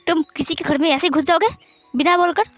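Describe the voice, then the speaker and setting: A woman's voice: very high-pitched, steady tone, fast talker, fairly bright tone, no room sound. A woman voicing a grumpy young man who talks curtly and mutters. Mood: irritated. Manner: curt, muttered. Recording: faint background music.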